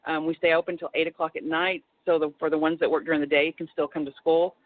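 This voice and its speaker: Speaking fast in a low, flat voice with no echo, a Texan woman author rambles as a casual phone interview guest. The line sounds tinny, and her talk is full of restarts and asides.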